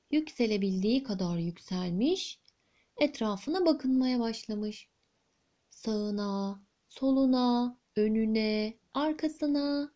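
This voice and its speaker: A woman storyteller narrating a fairy tale in an expressive, lilting read-aloud manner. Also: on the high side.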